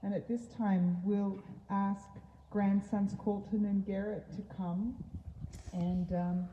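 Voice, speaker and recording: A woman officiating at an outdoor graveside service, giving a gentle funeral address with halting pauses. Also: mid-range voice, flat delivery. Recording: muffled, echoey, noisy outdoor ambience.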